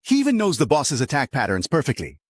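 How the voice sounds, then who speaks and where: A man voicing a panicked, awestruck young fighter, speaking higher and with excitement, in a slightly husky tone. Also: brisk, no echo, heavily acted. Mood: astonished.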